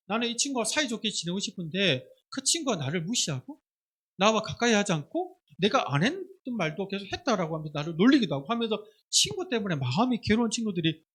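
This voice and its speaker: A male pastor giving a children's sermon, animated, asking the listeners many questions. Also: high-pitched, breathy edge.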